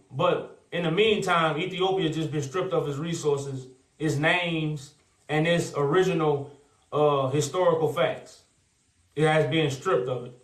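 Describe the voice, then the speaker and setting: High-voiced man, echoey and distant. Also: a bit bright. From America. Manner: preachy, talks over others, repeats "sis". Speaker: channel host. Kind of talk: heated live debate.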